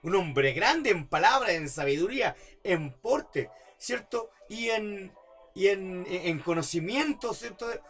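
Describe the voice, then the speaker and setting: A man's voice: sits high, fairly bright tone. A man preaching a sermon as pastor, repeating rhetorical questions and building to emphatic outbursts. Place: church service.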